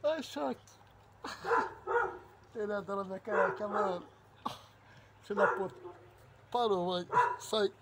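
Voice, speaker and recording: A man's voice: sits high, flat delivery, moderate pace, pauses often. Man cooing at his dog, noisy phone video. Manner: affectionate baby talk, laughing and swearing. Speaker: dog owner filming his pet. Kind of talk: casual home video talking to a dog.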